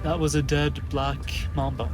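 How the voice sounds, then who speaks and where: A man's voice: a little high, flat delivery, moderate pace. A man talking casually as a travel vlogger. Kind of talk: casual vlog chat. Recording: music over the talk. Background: music.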